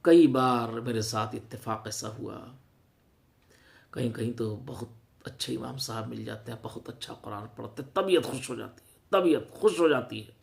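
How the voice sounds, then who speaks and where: A man preaching a sermon, moving from quiet earnest words to loud impassioned rises. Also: medium pitch, gravelly.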